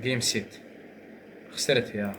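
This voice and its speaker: A young man with an Algerian Arabic accent, commentating his own gameplay. He grumbles to himself and then bursts into excited shouts. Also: mid-range voice, normal speed, noisy background. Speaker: gaming streamer.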